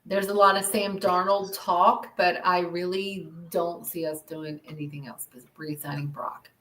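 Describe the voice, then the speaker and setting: A woman's voice: on the low side, fairly even intonation, unhurried, fairly bright tone, a little hiss or hum. A woman co-hosting a podcast in casual sports chat, emphatic and playful with words. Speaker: podcast co-host. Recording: roomy echo.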